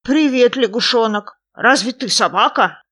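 A friendly young bear cub, as a woman reads him in a storybook tale. He makes plain, good-natured remarks. His voice is bright and animated. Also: a little high, measured pace, pitched above the performer's own voice, full character voice. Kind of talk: storybook reading.

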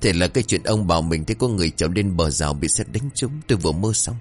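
A man voicing a tired older wife fussing over her husband in a horror story, in his own deep voice. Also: fast, faint music behind, lightly acted. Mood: concerned.

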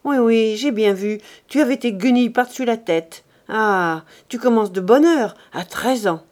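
A woman's voice: fairly low pitch, moderate pace, close to an everyday voice. Woman reading a hot-tempered young man. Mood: scolding. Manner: loud and stern. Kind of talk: audiobook character reading.

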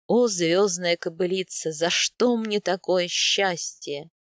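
A woman voicing a young steppe man, a teasing and tender captor, speaking low, slow and coaxing for an audiobook. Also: dry recording, clean studio sound. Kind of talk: audiobook character voice.

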